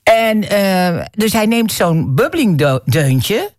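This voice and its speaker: A man hosting a casual chat about songs, telling stories with many pauses and restarts. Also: high voice, big pitch swings, dry recording, studio quality. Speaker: radio host.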